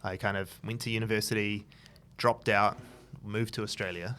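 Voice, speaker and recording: A man's voice: fairly low pitch, level tone, moderate pace, fairly bright tone. A man in his thirties from New Zealand with a New Zealand accent, telling his story in a loose, rambling interview chat full of fillers and restarts. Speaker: guest, entrepreneur. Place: his office.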